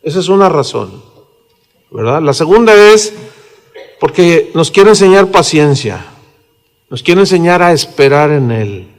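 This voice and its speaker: A man in his sixties with a Mexican accent, preaching a sermon in a relaxed, conversational way, with fillers and tag questions. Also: a little high, measured pace, pauses often. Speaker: pastor. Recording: reverberant hall.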